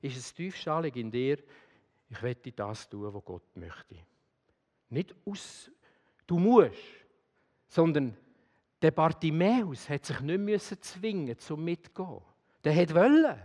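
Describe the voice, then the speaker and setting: A man with a Swiss German accent preaching a sermon, swinging between loud emphasis and quiet, intimate address. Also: fairly high pitch, big pitch swings, takes it slowly, long pauses, in a large hall.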